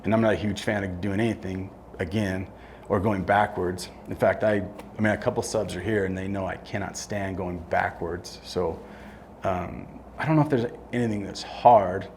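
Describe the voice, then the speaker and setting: Middle-aged guy talking straight, kinda low voice, blunt, restarts his sentences a lot. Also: fairly even intonation, normal speed, a little mellow, a little hiss or hum. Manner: blunt, plain-spoken, restarts mid-sentence. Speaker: construction company owner, guest. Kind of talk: live interview on stage. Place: event room with audience.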